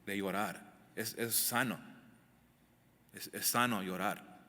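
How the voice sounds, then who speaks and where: A man's voice: on the low side, steady tone, slow, sharp tone. A male pastor teaching a verse-by-verse Bible sermon, emphatic and asking the congregation direct questions. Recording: echoey hall, long reverb.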